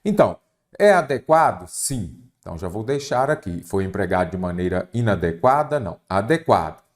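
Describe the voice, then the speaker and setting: Brazilian guy teaching grammar for an exam, lowish voice, pushy rhetorical questions, roomy echo. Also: big pitch swings, moderate pace. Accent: Brazilian Portuguese. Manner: emphatic, drills students with rhetorical questions and "anote". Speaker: Portuguese teacher. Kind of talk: exam-prep lesson at a board.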